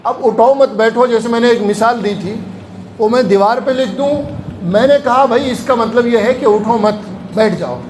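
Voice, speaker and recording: A man with a very high voice delivers a sermon as a chain of anecdotes, acting out the people in them. He is recorded in an echoey room with a faint hum of ambient noise behind him. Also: darkish tone. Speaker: Islamic preacher. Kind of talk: sermon-style storytelling lecture.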